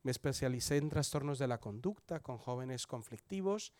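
Animated and speaking at a normal pace, this Colombian man in his forties gives his church testimony with a Colombian accent, chatting with listeners and often asking them questions. His medium-pitched voice is a little mellow and has no echo.

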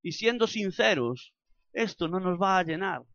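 A man with an accent from Spain delivers a sermon in a high, bright, tense voice. He swells from quiet teaching into loud, fervent passages where he acts out prayers. The sound is dry and slightly muffled, with little bandwidth. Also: expressive, unhurried, no echo. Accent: Spanish from Spain. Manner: builds to loud impassioned preaching, with acted prayers. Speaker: preacher.

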